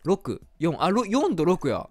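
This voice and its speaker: A man with a Kansai accent giving chatty, excitable commentary while playing a video game. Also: high voice, measured pace. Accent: Kansai Japanese. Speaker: game streamer. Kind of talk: let's play commentary. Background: faint game music.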